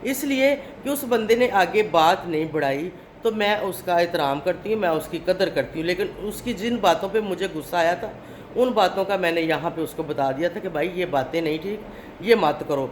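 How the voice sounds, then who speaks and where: A woman's voice: fairly low pitch, slight background noise. Indignant woman lecturing her viewers. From Pakistan. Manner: indignant, lecturing, keeps adding "okay?". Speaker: family vlogger. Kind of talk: to-camera vlog monologue.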